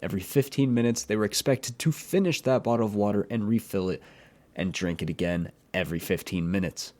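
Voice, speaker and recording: Man, lowish voice, scripted true-crime narration, earnest and plain, personal asides. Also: warm tone. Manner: plain, earnest retelling with brief personal opinions. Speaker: YouTube horror storyteller.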